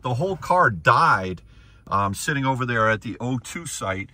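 A husky man chats away from the driver's seat of his car. He rambles and thinks aloud as he goes, trailing off and picking his thread back up. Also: medium pitch, animated, moderate pace, sharp tone. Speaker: vlogger reviewing electric cars. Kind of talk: casual talk while driving. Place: inside a car.

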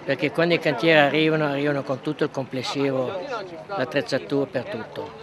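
A very old man, speaking indignantly and haltingly in a street interview. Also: mid-range voice, fairly even intonation. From Val di Susa, Piedmont, Italy. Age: 80s, elderly. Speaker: local resident and protester being interviewed. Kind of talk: street interview, spontaneous opinion. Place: outdoors at a mountain roadside car park. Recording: outdoor recording with busy crowd and traffic.

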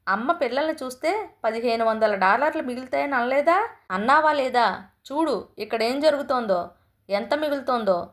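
A woman voicing an indignant young mother who sharply scolds her mother-in-law in a storybook reading. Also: sits high.

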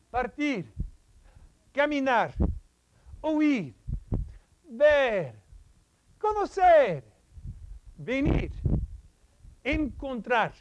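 A man's voice: very high voice, lo-fi sound, slight background noise. A man teaching a vocabulary lesson who acts out each action, then has the class repeat the verb after him, with a few small stumbles. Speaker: language teacher. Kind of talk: vocabulary lesson acting out verbs.

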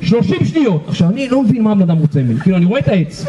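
A man guiding a tour group outdoors, telling lively anecdotes and laughing as he talks. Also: high-pitched, a crowd in the background. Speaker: tour guide. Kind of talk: storytelling lecture to a tour group. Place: outdoors at a historic site. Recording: muffled outdoor recording with faint ambience.

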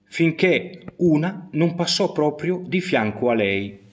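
Man telling a fairy tale. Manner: expressive storytelling with pitch swings and slowed emphasis. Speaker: storyteller. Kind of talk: scripted fairy tale narration.

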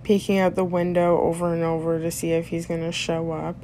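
A woman's voice: lowish voice, level tone, a little fast, mellow, a little hiss or hum. A woman hosting a reaction video, giving sarcastic commentary that rebuts the clip.

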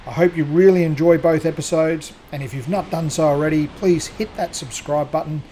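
A man narrating a scripted voice-over introduction in an upbeat, steady presenting manner. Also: fairly high pitch, brisk, a little hiss or hum. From Australia. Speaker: fishing channel host.

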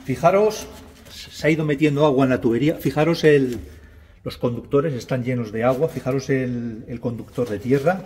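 Casual and repetitive, the middle-aged electrician speaks at a moderate pace with a medium-pitched, darkish voice, calling viewers "chicos" and saying "¿vale?" often as he explains his work. The footage is first-person from a body-worn camera in a small indoor restaurant back room.

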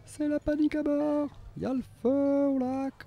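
A man putting on a frantic high-pitched announcer. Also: level tone, moderate pace, gravelly, dull audio. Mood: panicked.

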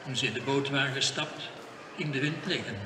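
A man's voice: mid-range voice, brisk. An older man, a priest, giving a solemn funeral sermon and reading scripture aloud. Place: church during funeral service. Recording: echoey hall from far off, noisy.

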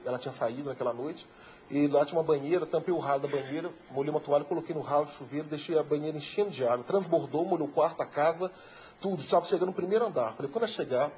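A man's voice: fairly high pitch, darkish tone, slight background noise. A man from Belo Horizonte, a talk show guest telling an emotional story and acting out the voices in it. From Belo Horizonte, Brazil. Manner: vivid storyteller who acts out quoted voices. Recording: dull lo-fi TV recording.

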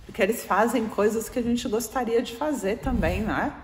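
A woman with a Brazilian Portuguese accent, whose voice is a little high and a little fast, gives an informal spiritual talk to a live audience. She keeps asking them to reply as she chats. There's echo from the hall and faint noise.

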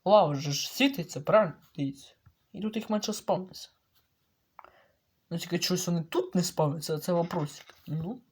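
A man giving casual gameplay commentary, excitable and cursing, yelling at the creatures in his game. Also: high-pitched, brisk, breathy edge. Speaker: let's play gamer.

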